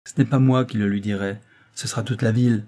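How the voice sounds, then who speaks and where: A man reading aloud voices a stern doctor, speaking with grave, calm authority. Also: lowish voice, brisk, natural voice. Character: stern calm male doctor, family friend.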